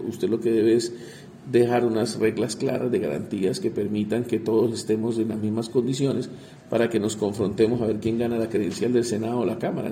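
Here a congressman responds to interview questions haltingly, frequently repeating words as he hunts for them. He has a dark tone on the low side, and there's slight background noise.

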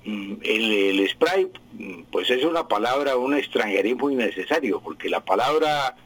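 A man, a language expert on the radio who explains word usage patiently, repeats his points and often pauses with fillers. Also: mid-range voice, expressive, fairly bright tone, breathy edge, rough recording. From Colombia.

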